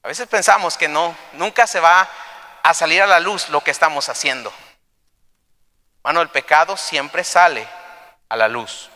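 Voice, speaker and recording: Brief: fervent male pastor, bright, ringing church sound. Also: on the high side, moderate pace, long pauses, big-room sound. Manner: impassioned, dramatic storytelling. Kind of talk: sermon.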